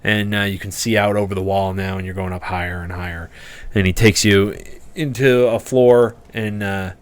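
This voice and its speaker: Lowish-pitched man narrating a tabletop game. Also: fairly even intonation, smooth. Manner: halting, conversational, descriptive. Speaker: game master.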